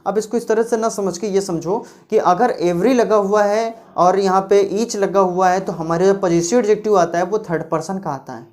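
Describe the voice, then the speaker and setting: A woman teaching English grammar, explaining rules patiently and reading example sentences slowly and clearly. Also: mid-range voice, a little mellow. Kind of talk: classroom grammar lecture.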